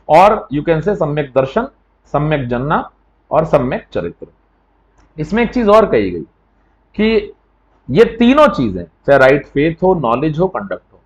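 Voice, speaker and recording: A man's voice: fairly high pitch, highs cut off. A man teaching an exam coaching lecture in a conversational way, often checking with "right?" as he explains.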